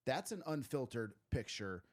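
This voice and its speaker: A man's voice: sing-song, moderate pace. A man co-hosting a podcast, talking bluntly and profanely in casual banter. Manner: blunt and profane, bursts into high-pitched impressions. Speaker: podcast co-host.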